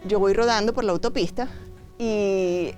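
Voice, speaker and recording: A woman's voice: mid-range voice, unhurried, faint music behind. A Venezuelan woman, founder of a women's biker group, chatting in an interview and acting out the voices in her stories. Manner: lively storyteller, acts out quotes. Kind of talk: casual interview chat.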